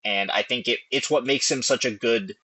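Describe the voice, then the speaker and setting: Bright-voiced man talking movies. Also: mid-range voice, normal speed, breathy edge, no room sound, low-quality recording. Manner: animated, filler-heavy, restarts often. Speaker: podcast host. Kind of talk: casual film analysis chat.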